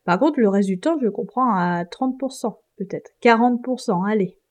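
A woman's voice: fairly high pitch, normal speed. A young woman from France hosting a casual solo podcast, chatty and self-deprecating, with frequent hesitations. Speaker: podcast host.

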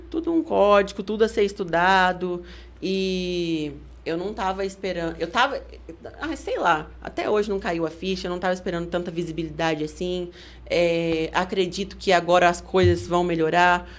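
Animated Brazilian woman telling a story. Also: fairly low pitch, moderate pace. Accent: Brazilian Portuguese. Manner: animated storytelling, acting out shouted quotes. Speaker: guest fighter. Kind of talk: casual podcast interview. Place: podcast studio.

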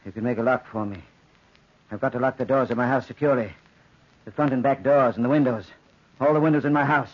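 A man's voice: medium pitch, fairly even intonation, fast talker, long pauses, husky, lightly acted. An actor playing an obsessive, imperious old man who mutters and repeats himself in an agitated way, in old radio drama style. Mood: frantic, urgent. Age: older. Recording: dull, lo-fi old radio recording.

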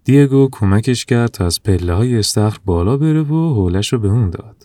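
A man narrating a children's story in a calm, even storytelling manner. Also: fairly low pitch, no echo.

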